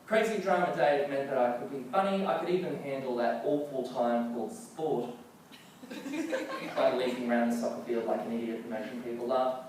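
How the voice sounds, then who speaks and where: A man telling a personal story in an animated, self-mocking way with playful comic timing. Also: medium pitch, brisk. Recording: echoey hall, distant mic, faint noise.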